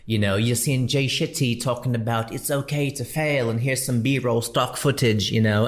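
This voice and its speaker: A man in his thirties hosting a podcast, talking casually and answering a listener in a chatty, slangy way. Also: fairly low pitch. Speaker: podcast host and comedian.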